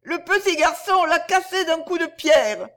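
A woman doing a shrill, frantic little mother bird. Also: lively intonation, a little slow, fairly bright tone, heavily acted. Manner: shrill and piercing. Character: shrill frantic female tailorbird, small.

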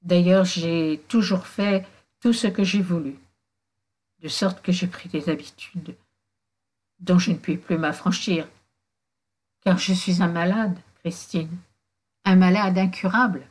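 A woman voicing a remorseful young man who drinks, speaking sadly in halting phrases in a storybook reading. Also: fairly low pitch, steady tone, darkish tone. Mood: confessing. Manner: halting, contrite, sad.

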